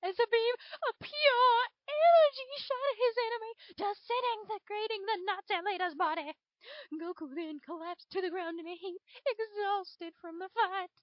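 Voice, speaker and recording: Putting on a very high Southern belle voice, a woman plays a dragon storyteller in a dramatic reading of fan fiction, stretching out words with theatrical emphasis. The storytelling mood is dramatic throughout. It's a dull, lo-fi home recording with no echo.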